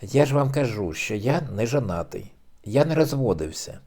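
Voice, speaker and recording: A man's voice: medium pitch, expressive, normal speed, darkish tone, slightly rough. A man reading the curt, embarrassed replies of a shy, awkward grown man. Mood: flustered. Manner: short, embarrassed answers.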